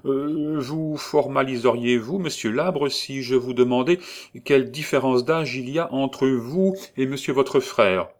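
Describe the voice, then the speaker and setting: A man's voice: mid-range voice, measured pace, pitched above the performer's own voice, natural voice. A man voicing a pompous, fussy middle-aged notary who speaks sententiously and hesitates with many "euh"s.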